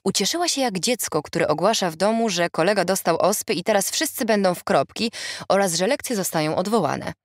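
Low-voiced woman reading an audiobook. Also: brisk, no echo, clean studio sound. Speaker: audiobook narrator. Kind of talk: scripted narration.

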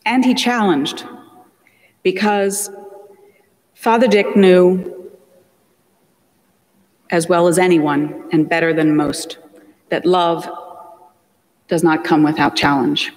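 A man preaches a funeral homily from the pulpit of a large church, his voice fairly high for a man. He speaks slowly and solemnly, pausing between phrases. Long church reverb trails every word. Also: steady tone. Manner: slow, measured, solemn delivery with deliberate pauses. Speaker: priest. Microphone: distant pulpit mic, far camera.

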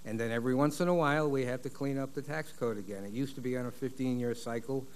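An older man testifies as an expert witness, blunt and confident, drawing out his filler words. His medium-pitched voice is clean, picked up by a desk microphone in a large paneled hearing room.

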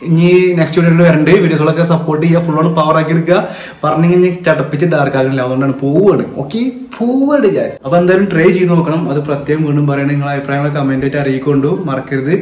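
A man with a slightly high voice talks casually through his cooking in a roomy, echoing space. He has a Malabar accent from northern Kerala and drops English words and catchphrases into his Malayalam. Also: a little mellow. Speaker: cooking vlogger. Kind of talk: casual chat to viewers while cooking. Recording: roomy, echoing indoor sound.

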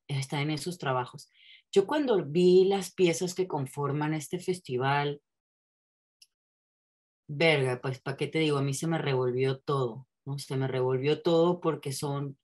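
Low-voiced woman, candid chat. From Mexico. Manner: candid, frequent tag questions, restarts and swearing. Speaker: podcast guest. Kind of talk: casual conversational chat.

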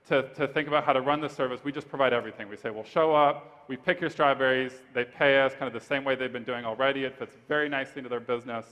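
A man pitching his startup on stage, then answering judges' questions in a steady, rehearsed way. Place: large event hall stage. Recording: reverberant conference hall.

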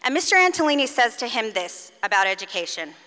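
A middle-aged woman, a faculty commencement speaker, addresses graduates at a lectern microphone on a large concert hall stage, in a measured, earnest, and encouraging manner. Her voice is on the high side, sing-song, bright, and forceful. Long hall reverb surrounds her words.

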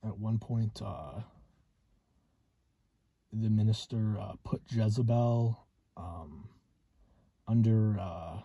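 A man in his twenties gives a casual, halting monologue in a car. His voice is lowish and very mellow, with a husky edge. He hesitates often and leaves long pauses. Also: no room sound, dull audio. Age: 20s. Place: inside a parked car.

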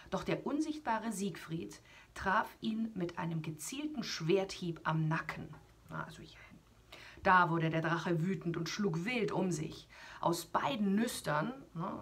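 A woman reads a children's story aloud with lively, whispery storytelling and friendly asides for young listeners. Her voice is very breathy and husky and sits somewhat low. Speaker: radio host reading aloud.

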